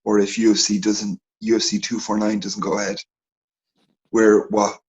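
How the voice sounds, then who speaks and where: A man co-hosting a casual sports podcast, telling animated, rambling stories in a husky voice. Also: on the low side, moderate pace, dull audio. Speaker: podcast co-host.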